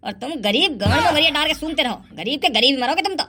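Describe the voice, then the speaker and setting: A woman's voice: high voice, lively intonation, fast talker, heavy background noise. A woman voicing a pushy, wheedling male beggar in a cartoon, with a pleading, scolding manner. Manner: whining, pleading, then scolding.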